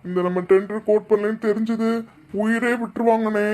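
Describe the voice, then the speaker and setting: A woman's voice: mid-range voice, fairly even intonation, fairly quick, darkish tone, a little hiss or hum, natural voice. A woman voicing an insistent younger brother in a cartoon. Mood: urgent. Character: urgent younger brother, business partner. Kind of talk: cartoon voice acting.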